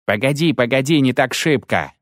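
A man's voice: mid-range voice, lively intonation, moderate pace, no room sound, studio quality, voice pushed up, close to an everyday voice. A male narrator voicing a huge gloomy village headman with blunt, rustic speech in an audiobook. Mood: gruff.

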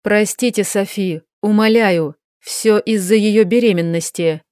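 A woman's voice: medium pitch, a little slow, a little mellow, no echo, clean studio sound, natural voice. A woman voicing a weak, submissive young man who mutters and pleads. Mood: pleading.

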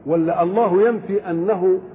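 Egyptian preacher guy, high gravelly voice, asks himself questions n answers, tinny old recording w hiss. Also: fairly even intonation. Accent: Egyptian Arabic. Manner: recites verses slowly and deliberately. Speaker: Quran commentator. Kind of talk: religious lecture. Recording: tinny narrow-band lecture recording with faint hiss.

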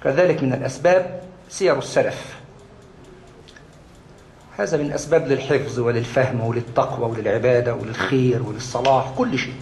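A man's voice: mid-range voice, brisk, vocal fry, pauses often, darkish tone. Egyptian man teaching, echoey room. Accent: Egyptian Arabic. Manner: repeats key words for emphasis, asks and answers his own questions. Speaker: Islamic studies lecturer. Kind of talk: religious lesson to a gathered class. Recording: echoey room, faint background noise.

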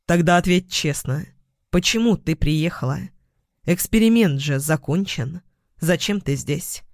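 A man's voice: a little high, lively intonation, unhurried, no room sound, clean studio sound. A man voicing a bitter, cynical young man who turns accusing and raises his voice in anger. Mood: challenging. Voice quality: hoarse. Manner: shouting, accusing.

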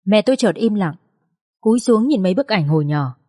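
A woman's voice: mid-range voice, lively intonation, brisk, warm tone, breathy edge, dry recording, clean studio sound. A woman narrating an emotional first-person story as an audiobook reader.

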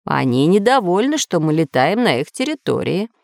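A woman's voice: lowish voice, big pitch swings, normal speed, gravelly, darkish tone, no room sound, studio quality. A woman doing a lecturing old professor. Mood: explaining. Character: learned old professor geographer, enthusiastic explainer.

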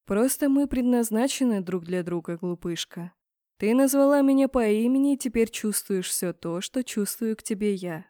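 A woman voicing a brooding, possessive male mage rector who murmurs slowly and huskily. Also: fairly high pitch, expressive, no room sound, clean studio sound, lightly acted. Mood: hushed, possessive. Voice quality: husky. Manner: slow hushed murmur.

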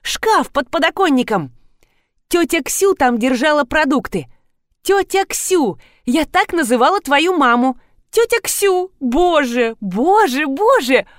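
A woman reading an audiobook, voicing an excitable, tearful adult woman who exclaims breathlessly. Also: measured pace, dry recording, clean studio sound. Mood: overjoyed. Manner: breathless exclaiming, high-pitched.

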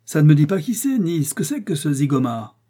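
A man voicing an excitable, impatient American male detective who fires off insistent questions in an audiobook. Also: mid-range voice, moderate pace, breathy edge. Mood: exasperated. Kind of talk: audiobook character voice.

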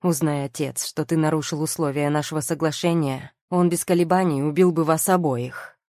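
A woman's voice: low voice, steady tone, moderate pace, darkish tone, no room sound, studio quality, natural voice. A woman reading the lines of a scheming, mocking male nobleman in an audiobook, in a coolly sneering, self-justifying manner.

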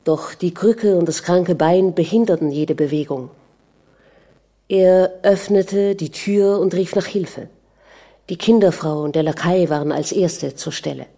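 Warm, low-voiced woman narrating a novel. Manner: measured, calm storytelling. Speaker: audiobook narrator.

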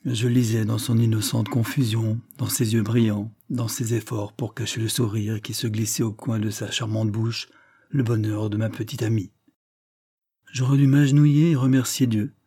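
A man reading a novel aloud in an earnest, measured first-person narration. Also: fairly low pitch, level tone, warm tone, husky, no echo. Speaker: audiobook narrator.

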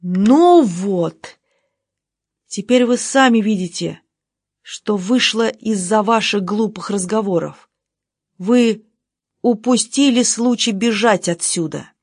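A woman's voice: medium pitch, unhurried, slightly rough, dry recording, clean studio sound. Woman narrator as male desert guide, urgent, scolding.

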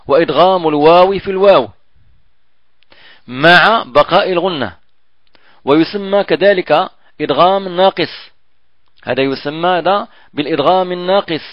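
A fairly high-voiced man teaches Quran recitation. He explains patiently and stretches out example words to demonstrate them. The recording is dull and lo-fi, with a dry sound. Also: no echo. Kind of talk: recorded tajweed lesson.

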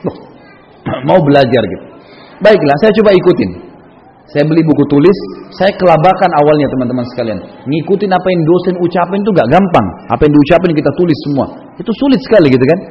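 Guy preacher chatting through a story, rapid talker, long echo like a big hall. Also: fairly high pitch, lively intonation. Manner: casual, anecdotal, frequent conversational tags. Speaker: Islamic preacher. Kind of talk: storytelling sermon. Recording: echoey hall, dull lo-fi sound.

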